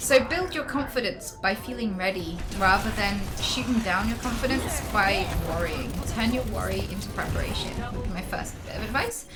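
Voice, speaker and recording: A woman's voice: mid-range voice, animated, normal speed, few pauses, heavy background noise. A woman live streamer chatting casually while gaming, with an involuntary hollow mouth-popping tic and sudden blurted interjections. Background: music.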